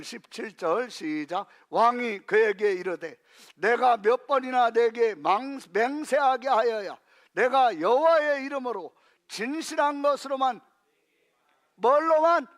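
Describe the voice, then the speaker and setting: A male senior pastor preaching a sermon in a church, asking the congregation questions and rising to shouts. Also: extremely high pitch. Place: church sanctuary.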